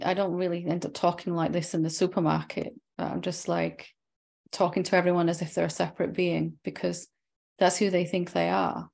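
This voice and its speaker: Woman teacher leading a satsang, gravelly and lower-pitched, reflective and gently probing. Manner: reflective, gently probing, ends points with tag questions. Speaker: spiritual teacher. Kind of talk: satsang dialogue with a student.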